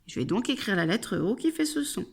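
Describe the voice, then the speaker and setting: A woman's voice: mid-range voice, sing-song, fairly quick, gravelly, slightly rough. A woman teaching children to spell, patiently sounding out each syllable and reassuring them.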